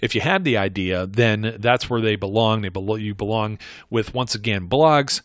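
Low-voiced man giving casual rambling advice. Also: normal speed, no room sound, studio quality. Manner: rambling, conversational, frequent self-corrections.

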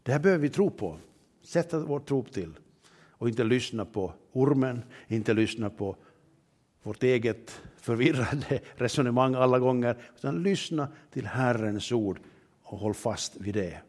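A man's voice: mid-range voice, animated, a little mellow. A man preaching a sermon in an earnest way, often asking rhetorical questions and reading scripture aloud with emphasis.

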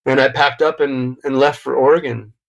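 Middle-aged man, interview guest, reflective, emotional, halting restarts, mid-pitched voice. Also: fairly even intonation, gravelly, lo-fi sound. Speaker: podcast guest. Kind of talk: interview conversation.

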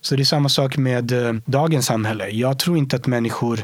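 A man being interviewed, talking earnestly and reflectively, often sinking to a soft whisper to stress a point. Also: mid-range voice, dry recording. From Sweden. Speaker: interview guest.

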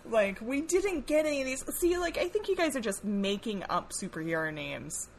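A woman's voice: fairly high pitch, very animated, normal speed, slight background noise. A woman co-hosting a podcast, chatting playfully and teasing her co-hosts. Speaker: podcast co-host. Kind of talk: casual chat.

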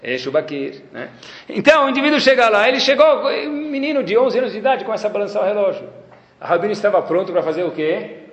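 Animated man rabbi, roomy echo. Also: sits high, fast, dull audio. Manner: animated storytelling, acting out dialogues. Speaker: rabbi teaching a class. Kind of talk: lecture with anecdotes.

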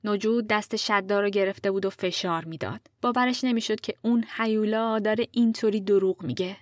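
A woman narrating a true story in a calm, measured storytelling voice. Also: medium pitch, no echo. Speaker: podcast narrator.

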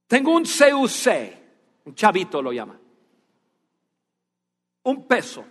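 A man preaches through a sermon, his voice pitched noticeably high. He moves from lively storytelling to soft, earnest appeals. The sound rings with the long reverb of a church hall. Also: takes it slowly, breathy edge. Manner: animated storytelling, then hushed and earnest. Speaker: pastor.

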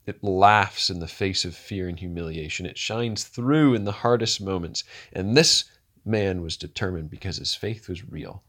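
Preaching in a deep voice, a man alternates between soft, slow phrases and loud, rousing bursts, and he keeps asking his audience rhetorical questions.

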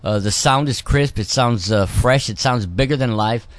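A man's voice: mid-range voice, normal speed, no room sound. A man co-hosting a radio show, joking and rambling with lots of fillers in casual banter. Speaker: radio co-host.

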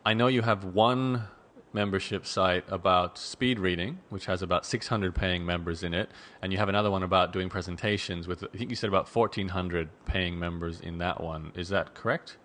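A man's voice: low-pitched, fairly even intonation, normal speed, fairly bright tone. A man hosting a podcast interview, talking in a conversational way with frequent "uh" fillers. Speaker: podcast host.

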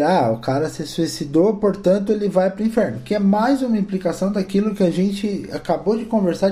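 A man's voice: on the high side, dark tone. A man co-hosting a casual talk show, explaining his view thoughtfully. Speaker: podcast co-host. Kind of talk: casual conversation.

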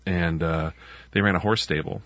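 A man's voice: sits low, fairly even intonation, normal speed, a bit bright, no room sound. A man co-hosting a podcast, rambling casually about old trucks with lots of fillers. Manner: rambling, filler-heavy, laughs often. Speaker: podcast co-host. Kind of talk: casual car chat.

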